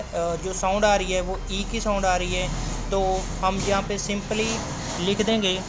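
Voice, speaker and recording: Man teaching, repeating words slowly. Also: high voice. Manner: repeats words slowly and asks and answers his own questions. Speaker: stenography teacher. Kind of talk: classroom explanation.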